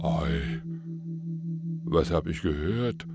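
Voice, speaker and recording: A man voicing an excitable, greedy male bear in an audiobook fable, pleading and crying out eagerly. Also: drawn-out words, loud music behind the voice, heavily acted. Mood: puzzled. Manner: eager, pleading, rising to high excited cries. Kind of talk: audiobook reading of a verse fable.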